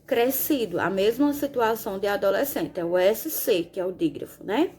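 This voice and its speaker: A woman teacher patiently explaining a lesson in Brazilian Portuguese, spelling letters out slowly and checking in with her students often. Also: mid-range voice, lively intonation, warm tone. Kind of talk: recorded lesson explaining exercise answers.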